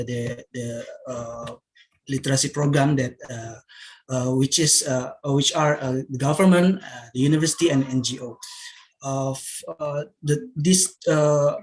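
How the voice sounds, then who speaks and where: A man from Indonesia with an Indonesian accent presents hesitantly to a workshop over a video call, halting with many fillers and restarts. His voice is mid-range with vocal fry, and the audio quality is poor.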